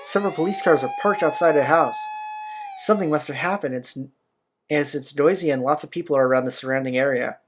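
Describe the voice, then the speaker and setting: A man with a fairly high voice speaks fast while hosting a let's play, reading game narration aloud and adding casual asides, with game music playing behind him.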